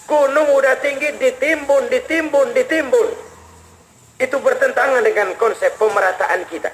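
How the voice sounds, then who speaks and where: A man preaching a storytelling sermon, his voice sitting high and carrying colloquial speech. He acts out the people in his story, jumping from high wails down to low murmurs. Faint noise hangs behind him, as on an old radio recording. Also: fairly bright tone, poor audio.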